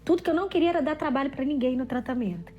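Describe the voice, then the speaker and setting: A woman's voice: sits high, very fast, soft background music. A woman in her thirties with a Brazilian Portuguese accent, a guest telling a personal story in conversation, acting out the dialogue she recounts and often restarting her sentences. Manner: animated, acts out quoted dialogue, frequent restarts.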